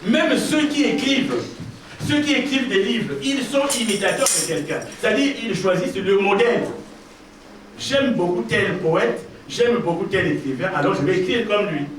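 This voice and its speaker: A man's voice: high voice, expressive, moderate pace, fairly bright tone. A man preaching a sermon as pastor, emphatic and repeating his key phrases while addressing the congregation directly. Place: church hall. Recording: very echoey church, mic far off, faint noise.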